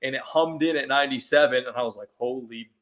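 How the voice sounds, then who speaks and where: A man's voice: mid-range voice, fast talker, a bit bright. A man chatting as a guest on a sports talk show, telling easygoing stories with frequent restarts. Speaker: sports radio host, guest. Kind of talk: casual chat.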